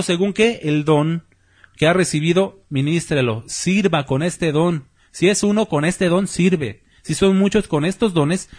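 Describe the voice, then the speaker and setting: A male pastor, his voice a little husky and pitched slightly high for a man. He preaches in a loose, conversational way and keeps tossing rhetorical questions at his congregation. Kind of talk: sermon.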